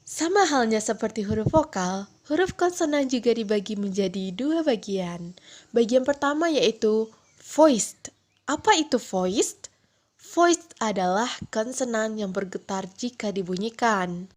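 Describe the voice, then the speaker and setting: A young adult woman giving a phonetics lesson, patiently repeating each sound slowly. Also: fairly high pitch, expressive, darkish tone. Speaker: teacher.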